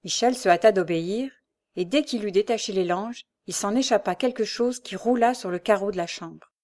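A woman with a medium-pitched voice reads a classic novel aloud as an audiobook, measured and expressive in her narration.

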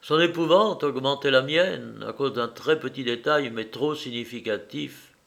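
A man reads a first-person novel aloud as an audiobook narrator. His delivery is measured and expressive, in an ordinary middle pitch. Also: vocal fry. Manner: measured, expressive literary reading.

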